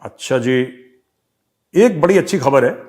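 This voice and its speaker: A man hosting a Hindi political commentary show in a sarcastic, mocking, animated way. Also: mid-range voice, measured pace. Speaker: host, retired army major.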